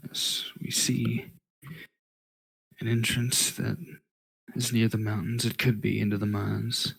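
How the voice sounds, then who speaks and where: A man voicing a small female pixie scout with measured, halting, formal phrasing in a tabletop game. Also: fairly low pitch, flat delivery, gravelly, fairly bright tone, slightly rough, full character voice, rough recording.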